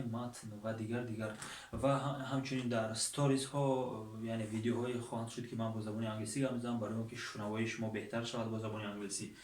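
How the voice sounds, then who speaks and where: Male English tutor, Tajik accent, patient filler-heavy delivery, distant roomy sound. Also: mid-range voice. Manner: plain, patient explanations with frequent fillers. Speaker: English teacher. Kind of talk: teaching an online course. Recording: echoey room from far off.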